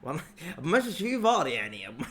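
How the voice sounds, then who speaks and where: Saudi male fan-streamer, excitable reaction commentary, high and lively, rapid delivery. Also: a little hiss or hum. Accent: Saudi Arabic. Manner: excitable, shouts at players and referee, frequent laughter. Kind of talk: live match reaction commentary.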